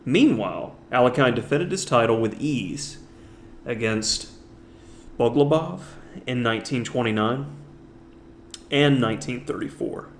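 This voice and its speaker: A man's voice: mid-range voice, lively intonation, unhurried, pauses often, slight background noise. A man narrating a chess lesson, walking through a historic game move by move and stretching out the words he wants to stress. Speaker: chess instructor.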